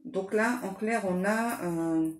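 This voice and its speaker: A woman's voice: medium pitch, takes it slowly, roomy sound. A woman doing a casual tarot card reading, talking in a chatty way full of fillers and restarts.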